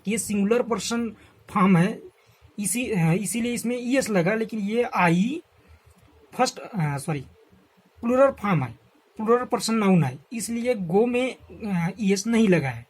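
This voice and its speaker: A woman teaching a grammar lesson who repeats each example slowly and quizzes the listener. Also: mid-range voice, lively intonation, a little mellow, husky.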